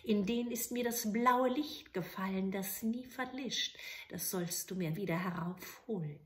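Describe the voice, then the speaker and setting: A woman's voice: medium pitch, measured pace, close to an everyday voice. A woman playing a scheming old witch. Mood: scolding. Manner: mocking, scolding, calls him "Söhnchen".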